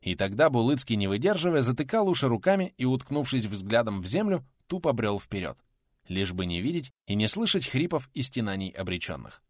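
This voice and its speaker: Male storyteller with a lively, swinging voice, dry and close. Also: mid-range voice, brisk, dry recording. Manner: expressive, dramatic reading. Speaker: audiobook narrator. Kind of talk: scripted audiobook narration.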